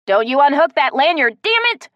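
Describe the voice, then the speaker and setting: A woman's voice: high voice, normal speed, no echo, dull audio, voice pushed up. A woman voicing a protective, hot-tempered tree-climbing woman who barks orders like a drill sergeant. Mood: commanding. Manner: commanding, strained calm.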